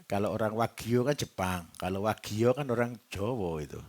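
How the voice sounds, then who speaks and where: A man's voice: on the low side, moderate pace. A man with a Javanese accent gives a livestock-farming seminar, quizzing the audience and joking as he goes. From Java. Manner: lively, quizzing the audience with jokes. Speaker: livestock trainer. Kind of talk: seminar talk to a live audience.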